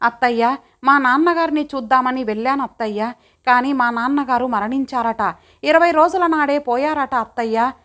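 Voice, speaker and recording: Woman reading a sobbing young daughter-in-law, high and pleading. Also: normal speed, a bit bright. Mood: pleading, tearful. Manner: sobbing, begging.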